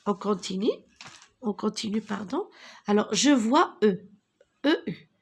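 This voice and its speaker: A woman's voice: mid-range voice, animated, gravelly, husky. A woman teaching young children to read, sounding out letters and syllables one by one and repeating words. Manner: slow, syllable-by-syllable spelling and repetition. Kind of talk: reading lesson for young children.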